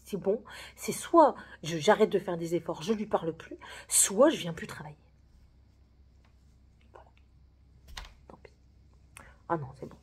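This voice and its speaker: Young woman venting about a coworker, husky voice, goes up and down a lot. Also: lowish voice, unhurried, long pauses. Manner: animated, retelling a workplace story with quoted dialogue. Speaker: vlogger. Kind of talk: casual storytelling vlog.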